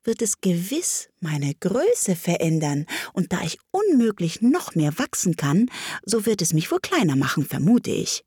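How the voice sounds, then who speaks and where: A woman's voice: fairly low pitch, big pitch swings, measured pace, warm tone, husky, no echo, studio quality, exaggerated voice. A woman as a musing young girl. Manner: musing to herself. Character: thoughtful young girl, curious. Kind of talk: storybook reading.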